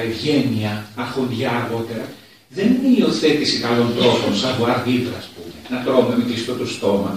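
A man's voice: mid-range voice, a little hiss or hum. A man preaching a conversational sermon with wry humor, sometimes acting out the people he quotes. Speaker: priest. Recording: echoey room from a distance.

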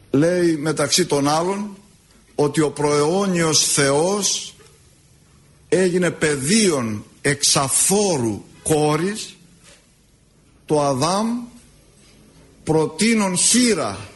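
Man, Orthodox preacher, sermon delivery, fairly high voice, expressive and drawn-out.

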